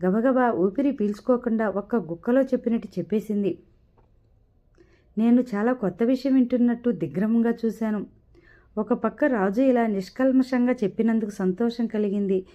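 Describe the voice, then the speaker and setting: A woman's voice: fairly high pitch, normal speed. Woman narrating a novel, muffled sound. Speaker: audiobook narrator. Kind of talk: storytelling narration. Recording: dull lo-fi recording.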